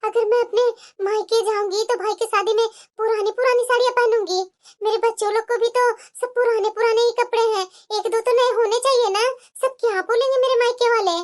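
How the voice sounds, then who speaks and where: A woman's voice: very high voice, steady tone, a little fast. A woman voicing a put-upon young daughter-in-law in a cartoon, pleading and complaining. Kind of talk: cartoon voice acting.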